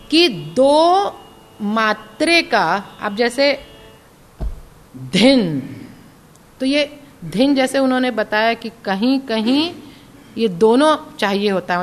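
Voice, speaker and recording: Woman, classical music teacher, slow deliberate explainer, light music underneath. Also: on the high side, a bit bright. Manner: slow, explanatory, reciting drum syllables and sung notes.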